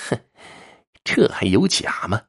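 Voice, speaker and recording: Man putting on a haughty, gravelly fox spirit. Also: deep voice, wildly swooping pitch, normal speed, a bit bright, full character voice. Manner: haughty, mocking. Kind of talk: storytelling.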